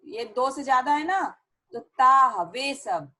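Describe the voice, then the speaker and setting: A woman teacher explaining a language lesson, reading each sentence and then repeating its meaning slowly and clearly. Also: high-pitched, expressive, sharp tone, low-quality recording. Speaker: Sanskrit teacher.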